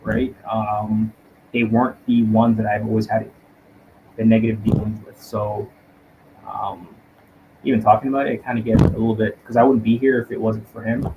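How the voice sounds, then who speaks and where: A man from Canada, a detective inspector and guest, telling his personal story in a reflective, earnest way with frequent pauses. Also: on the low side, flat delivery, phone-quality sound, noisy background.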